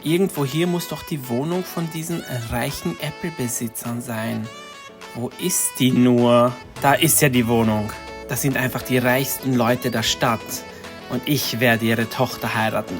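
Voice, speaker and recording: A man's voice: mid-range voice, steady tone, moderate pace, over music, pitched below the performer's own voice, close to an everyday voice. A man voicing a scheming poor young man who poses as a rich prince to marry money.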